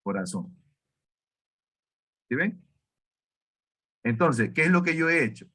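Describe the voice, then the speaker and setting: A man's voice: a little high, animated, slow, fairly bright tone. A man teaching an online math class, asking students questions and often correcting himself. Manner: questioning, self-correcting, many fillers.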